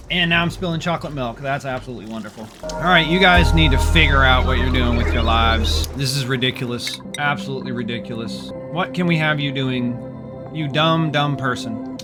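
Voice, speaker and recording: A male streamer with a mid-range voice talks fairly quickly while music plays behind him. He narrates his gameplay with sarcasm and exasperation, griping at the characters on screen.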